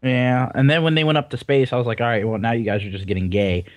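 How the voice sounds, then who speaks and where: A man's voice: medium pitch, fairly even intonation, fast talker, no echo. A man co-hosting a casual gaming podcast, rambling and swearing casually with self-deprecating jokes. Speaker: podcast co-host. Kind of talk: casual chat.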